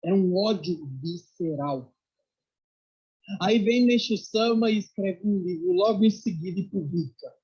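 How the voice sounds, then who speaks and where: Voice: medium pitch, a little slow, husky. A speaker, telling religious stories in a sermon and acting out the voices of the people in them. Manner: animated storyteller who acts out quoted voices and often adds "né?". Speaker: religious lecturer. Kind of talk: storytelling sermon. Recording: dull lo-fi recording.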